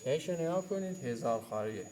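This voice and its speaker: A man's voice: medium pitch, animated, heavy background noise. A man teaching a hands-on mechanics lesson in a workshop, pointing at parts and repeating key terms. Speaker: mechanics instructor. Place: auto repair workshop.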